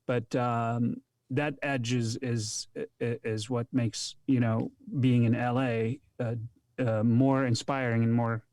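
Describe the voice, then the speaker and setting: A man's voice: mid-range voice, flat delivery, takes it slowly, darkish tone, no echo, clean studio sound. A man from Egypt, an actor, talking as a podcast guest over a video call, thoughtful and hesitant with lots of ums. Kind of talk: casual interview chat.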